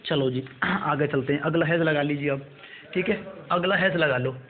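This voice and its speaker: Man, high voice, exam coaching teacher, repetitive dictation, tinny phone-like sound. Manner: repetitive, drills terms slowly for note-taking. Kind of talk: current affairs class dictation.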